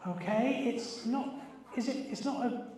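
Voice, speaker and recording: A sixty-year-old man with a British accent, chatting informally as a party quizmaster, halting and rambling as he calls out to guests. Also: very high voice, a little mellow. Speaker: birthday party quizmaster and host. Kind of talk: informal party quiz chat to a group. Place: echoey room at a live party. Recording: very echoey room, distant microphone.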